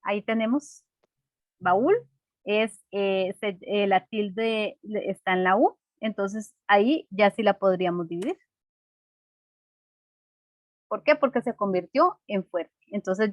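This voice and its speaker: A woman's voice: medium pitch, unhurried, no echo, muffled recording. A woman teacher explaining a lesson patiently and simply, checking in with her class through frequent rhetorical questions.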